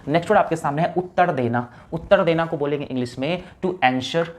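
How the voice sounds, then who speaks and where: A man's voice: a little high, a little fast. A male teacher giving a vocabulary lesson for exam preparation, spelling each word out letter by letter, repeating it, and checking in with the viewer again and again. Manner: drills with repeated check-ins like "right?" and "okay".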